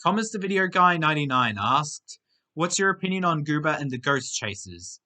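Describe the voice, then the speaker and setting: A young man hosts a casual question-and-answer video. His voice is very bright and sharp, and his pitch moves around a lot. He reads each viewer question aloud and answers it briefly and simply. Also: sing-song, moderate pace. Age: young adult. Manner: reads out questions, then gives short plain answers. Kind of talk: casual Q&A monologue.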